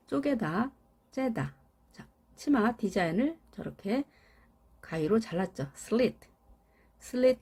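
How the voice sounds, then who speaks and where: A woman with a medium-pitched, dark and slightly rough voice teaches English verbs in Korean in a scripted lesson. She repeats each word in rhythmic sets and explains meanings using everyday examples.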